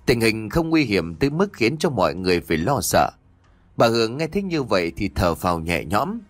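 Male narrator, low voice, lively dramatic pitch, dry close sound. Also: fairly quick, no room sound. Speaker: storyteller. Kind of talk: scripted horror story narration.

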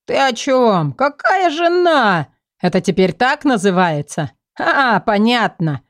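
A woman's voice: fairly high pitch, sing-song, slow pace, no room sound, studio quality. A woman voicing an insolent, leering young male nobleman with a drawling, sneering way of talking. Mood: indignant.

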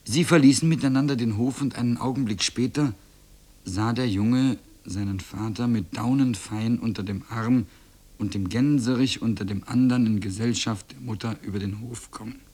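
A man reading a children's classic aloud on radio in a calm, measured storytelling voice. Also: mid-range voice, husky. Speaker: reader.

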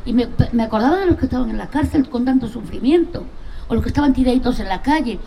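A woman's voice: fairly high pitch, fast, gravelly, dark tone. A middle-aged woman from Spain speaking earnestly and bluntly at a public talk, swearing casually. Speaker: panel speaker, mother of drug-affected children's group. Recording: noisy live talk recording.

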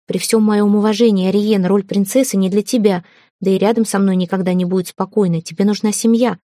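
Young male prince, proud, jealous, stern, read by a woman, mellow voice, dry recording. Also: mid-range voice, fairly even intonation, a little fast, no room sound, natural voice. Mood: earnest. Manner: ironic, stern, pleading.

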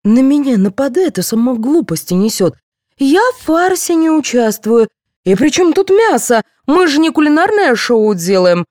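A woman's voice: a little high, sing-song, moderate pace, darkish tone, no echo, studio quality, pitched above the performer's own voice. A woman voicing a whiny, petulant young woman in an amateur theatre troupe in an audiobook.

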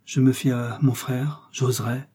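A man's voice: medium pitch, level tone, a little slow, mellow, husky. A man voicing Milady, a pleading scheming noblewoman. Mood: defiant. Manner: pleading, pathos-laden, theatrical. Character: scheming seductive noblewoman prisoner.

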